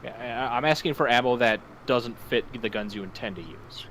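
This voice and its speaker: A man's voice: mid-range voice, fairly quick, fairly bright tone, a little hiss or hum, low-quality recording. A man playing a tabletop game, talking through plans in a methodical way. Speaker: player.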